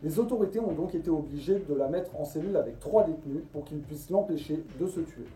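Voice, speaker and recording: A man's voice: on the high side, fast, mellow. A man narrating a scripted true-crime story as a storyteller and host. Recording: roomy echo, distant from the mic.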